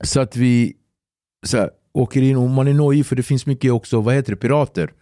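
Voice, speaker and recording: A man guesting on a podcast, telling a story in a casual, animated way, swearing and acting out what others said. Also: medium pitch, dry recording, studio quality. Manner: animated, swearing, acts out quotes, laughs through the story.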